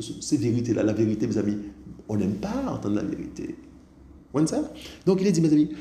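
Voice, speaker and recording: A man's voice: mid-range voice, mellow. A man preaching a sermon, who keeps asking his listeners whether they see it, calls them "my friends", and restarts his words often. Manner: repeats "vous voyez ça?" and "mes amis", with stammering restarts. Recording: echoey room with faint background noise.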